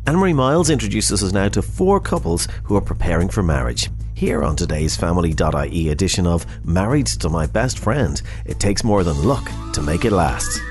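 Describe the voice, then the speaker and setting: A man hosting a radio programme, presenting in a measured, scripted way. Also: sits low, expressive, a little mellow, faint music behind. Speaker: radio host.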